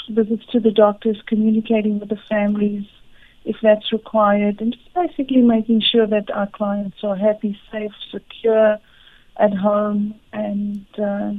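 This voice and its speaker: A middle-aged woman from Africa, answering interview questions calmly and briefly. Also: mid-range voice, no room sound, narrow, tinny audio. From South Africa. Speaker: guest, home health care business owner.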